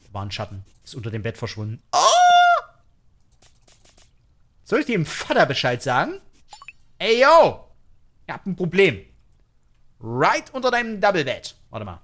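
A man narrates his run through a horror game for his viewers, cracking jokes and reacting loudly to every scare. His pitch jumps around constantly, full of life and quick exclamations. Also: slight background noise. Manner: joking, excitable, talks to viewers. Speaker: gaming YouTuber. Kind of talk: let's play commentary.

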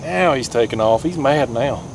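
A young man, talking excitedly and laughing often while he fishes from a kayak on a river, recorded on a mounted action camera. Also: mid-range voice, moderate pace, gravelly, slight background noise. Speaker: fishing vlogger. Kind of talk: casual outdoor fishing commentary.

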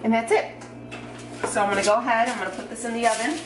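Talking fast in a slightly high voice, an American vlogger cooks in her home kitchen and keeps up a casual, self-mocking chatter full of fillers. A moving camera mic records the echoey, noisy space.

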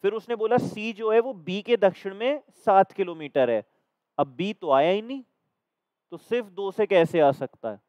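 A man with a Hindi accent explains exam questions to a class, step by step. His voice is high and smooth. The recording is dry and slightly dull. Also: expressive, moderate pace, dry recording. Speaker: reasoning teacher.

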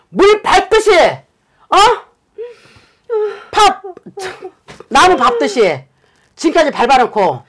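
In a staged reenactment, a woman with a high-sitting voice plays a shaman fortune-teller who scolds and curses a client in rough, blunt speech.

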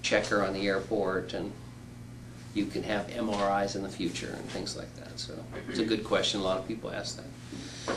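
A man's voice: on the low side, little pitch movement, moderate pace, background noise. A middle-aged man, a surgeon, patiently explaining an operation to patients in plain words with homely examples. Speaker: weight-loss surgeon. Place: indoor room.

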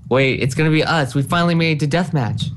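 Calm male teammate with keyboard clicks. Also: fairly high pitch, fast, a little hiss or hum. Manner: calm, short replies, laughs easily. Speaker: friend and teammate in the game. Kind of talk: casual gameplay chat.

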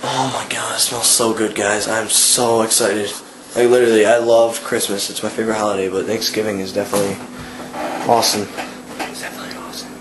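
A man's voice: on the low side, flat delivery, brisk, background noise. Chatty upbeat man vlogging at home. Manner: chatty and upbeat, often addresses viewers as guys. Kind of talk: casual home vlog chat. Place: family home on a holiday.

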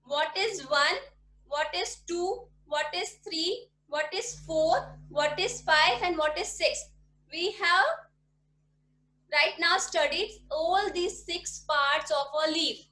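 Speaking extremely high and slowly, this Indian primary school teacher has a bright, forceful tone, with a little hiss or hum underneath. She teaches online from a small home room, patiently asking questions again to check her pupils follow. The audio comes from her desk's laptop webcam mic and echoes like a video call.

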